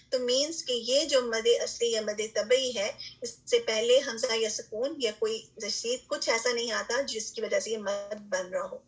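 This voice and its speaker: A woman with a fairly high, bright voice teaches a recitation lesson online, and the audio quality is poor. She explains things step by step with patience, mixes in English terms, and keeps checking in with her students with "theek hai."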